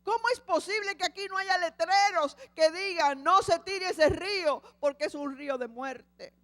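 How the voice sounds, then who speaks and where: A woman preacher voicing an anguished father who cries and shouts in disbelief over his drowned sons. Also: very high-pitched, very animated, measured pace, vocal fry, exaggerated voice. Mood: frantic disbelief. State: crying. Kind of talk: sermon storytelling.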